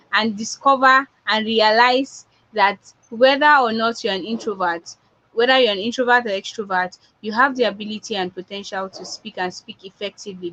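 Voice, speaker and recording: Dull, lo-fi online audio carries a woman's medium-pitched, slightly bright voice over faint background noise. She has a Nigerian accent and works as a public speaking coach, giving a motivational online talk where she repeats her points for emphasis.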